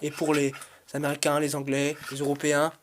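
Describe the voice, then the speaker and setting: With a fairly high pitch, a completely flat delivery, and a fairly quick pace, a man reviews his brush cutter for his channel. He rambles informally, stops and restarts often, and speaks frankly to his audience as "guys."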